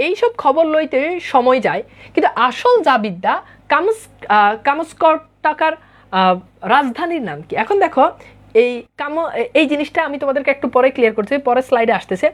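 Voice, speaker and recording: A woman, a teacher who reads old formal prose aloud and then explains it in casual speech, answering her students' live comments. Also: sits high. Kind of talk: explaining a Bengali text line by line.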